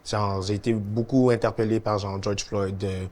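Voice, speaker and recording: His lowish voice comes with a little hiss or hum in the recording as this young Quebec French-accented musician talks at normal speed. As a guest in a casual conversation, he reflects on his career in a relaxed manner, filling gaps with lots of fillers.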